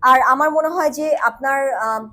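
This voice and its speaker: High-voiced Bangladeshi woman coaching pronunciation. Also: measured pace, sharp tone. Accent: Bangladeshi Bengali. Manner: corrective, drills pronunciation by repeating words. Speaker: news presentation instructor. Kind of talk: giving spoken feedback in class.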